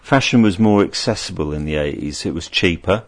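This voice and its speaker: A man's voice: low voice, fairly quick. A middle-aged man hosting a radio show, reminiscing casually and joking with a guest. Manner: reminiscing, relaxed, jokey. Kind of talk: casual chat.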